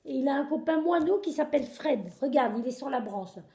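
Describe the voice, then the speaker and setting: Animated woman telling a kids' story. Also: high-pitched, a little fast. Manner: animated, expressive, searching for words. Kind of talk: improvised children's story telling. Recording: echoey room.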